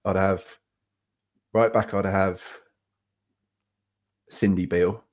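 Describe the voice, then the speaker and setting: A man's voice: low voice, level tone, slow. A man with a Norfolk accent chatting casually and jokily as a podcast host. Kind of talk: casual joking chat.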